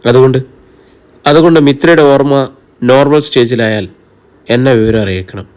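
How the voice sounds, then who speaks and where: A man's voice: mid-range voice, normal speed, darkish tone, natural voice. A man voicing a stern male police superintendent in a novel reading. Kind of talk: audiobook character reading.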